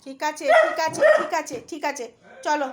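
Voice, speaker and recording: A woman at home filming her dog, coaxing and soothing it with gentle baby talk. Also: high voice, fairly even intonation, normal speed, heavy background noise. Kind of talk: casual home vlog. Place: home, indoors. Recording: loud dog barking behind her.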